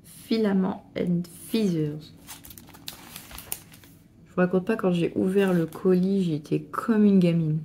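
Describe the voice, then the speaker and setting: A middle-aged woman gushing excitedly as she unboxes a craft parcel, with stumbling restarts. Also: on the low side, slow pace, long pauses, slight background noise. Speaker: crafting vlogger. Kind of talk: casual unboxing chat.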